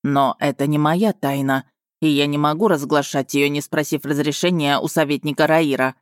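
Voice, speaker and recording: A man voicing a commanding wolf lord who speaks steely, calm and sardonic in an audiobook. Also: fairly high pitch, normal speed, dry recording, clean studio sound, close to an everyday voice. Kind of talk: audiobook dialogue reading.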